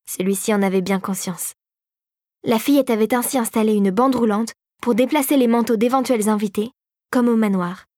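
Woman reading a storybook aloud, slightly high voice, dead dry close sound. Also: no echo. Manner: measured, even storytelling. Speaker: audiobook narrator. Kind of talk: scripted storybook narration.

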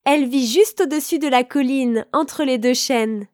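A woman voicing an innocent little girl in a storybook reading, with a high, childlike, exclamatory voice. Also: normal speed, darkish tone, no room sound, clean studio sound, natural voice. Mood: chatty. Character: little girl in a red cape, innocent and wide-eyed.

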